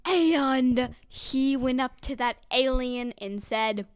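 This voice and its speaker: High-voiced young woman, eager storyteller. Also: slow pace, no room sound. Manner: eager, playful, jumps in with new plot twists. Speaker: podcast guest. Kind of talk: improvised storytelling chat.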